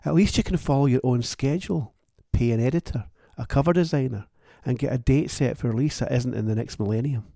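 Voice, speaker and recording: A man with a warm, low-toned voice and a little fry in it hosts his own show. He speaks alone in a plain-spoken, thoughtful and wry way. The sound is close and dry, with no room around it. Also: fairly quick, hardly any pauses, no room sound. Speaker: author and podcast host. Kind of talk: reflective solo monologue.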